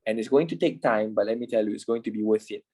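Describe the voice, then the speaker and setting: A man's voice: fairly low pitch, quick pace, darkish tone, poor audio. A man in his twenties, a trading instructor talking informally in an online class, repeating himself and swearing casually. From Malaysia. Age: 20s.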